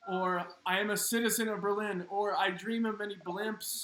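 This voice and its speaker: A man's voice: high-pitched, steady tone, normal speed, fairly bright tone, roomy sound, rough recording. A man hosting a live-streamed trivia game, reading out questions with playful emphasis. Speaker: trivia host.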